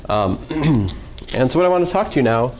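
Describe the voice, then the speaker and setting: A man's voice: mid-range voice, expressive, moderate pace, darkish tone, slight background noise, rough recording. A man teaching a college calculus class in a casual lecture style, with dry sarcastic humor and questions tossed to the students. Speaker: math professor.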